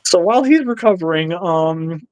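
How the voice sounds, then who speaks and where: A man's voice: sits high, animated, normal speed, darkish tone, clear, resonant tone, no echo, rough recording. A man filling in as co-host, chatting casually in a live discussion and giving blunt, opinionated takes with frequent laughter. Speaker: stand-in co-host.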